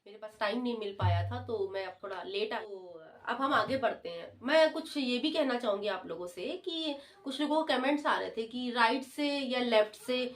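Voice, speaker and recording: A woman's voice: a little high, moderate pace, few pauses. A woman teaching the dholak online, patiently explaining and counting beats aloud. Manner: patient, repeats counts loudly while drumming. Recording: dholak drumming behind the voice.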